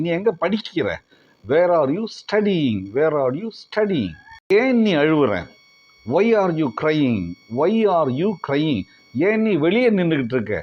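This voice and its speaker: Guy teaching english, slow and careful, repeats everything, spells stuff out, kinda muffled audio. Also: on the high side. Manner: repeats each English sentence slowly, spells words letter by letter. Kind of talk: language lesson. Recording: dull lo-fi audio.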